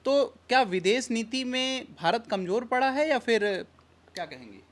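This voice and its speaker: A woman's voice: on the high side, animated, normal speed. Woman reporter asking probing questions. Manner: probing, matter-of-fact questioning. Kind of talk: news interview questions.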